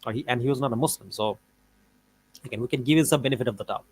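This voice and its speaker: A man giving casual reaction commentary on a debate. He argues his case in a loose, rambling way, stopping and restarting with plenty of fillers. His pitch sits in a middle range. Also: very fast, breathy edge, poor audio. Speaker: debate reviewer.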